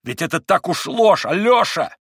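A man voicing a feverish, tormented young man in an audiobook, husky and agitated, rising into anguished outbursts. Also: mid-range voice, lively intonation, moderate pace, fairly bright tone, no room sound, studio quality, pitched above the performer's own voice. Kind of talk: audiobook character reading.

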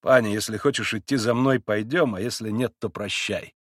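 A man reading an audiobook, voicing a small pompous Polish gentleman who speaks stiffly and haughtily, dropping in Polish words. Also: fairly low pitch, moderate pace, no room sound, clean studio sound, voice pushed down, natural voice. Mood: haughty.

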